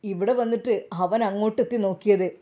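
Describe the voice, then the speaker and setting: A woman's voice: medium pitch, steady tone, fast, mellow, pitched below the performer's own voice, natural voice. Woman voicing a jealous sobbing husband. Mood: accusing. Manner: accusing, pleading and sobbing. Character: jealous, suspicious young husband, tearful. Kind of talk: dramatized story reading.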